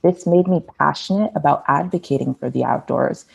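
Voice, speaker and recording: A woman's voice: low-pitched, fairly quick, creaky, a little mellow, slightly rough, rough recording. A nineteen-year-old woman from the Washington, D.C. area answering interview questions, earnest and eager. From Washington, D.C. area, USA. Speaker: activist guest.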